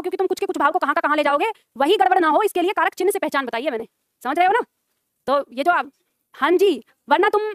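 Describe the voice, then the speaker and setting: A woman with a very high, fairly bright voice teaches an online grammar class, brisk and coaxing as she quizzes students and checks they're following. The recording is dry and studio quality.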